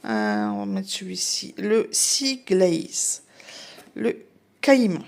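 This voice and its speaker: A woman's voice: medium pitch, huge pitch swings, slow pace, vocal fry, a little mellow. A woman from northern France chatting casually through an unboxing vlog, with many hesitations and the product names whispered. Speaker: vlogger.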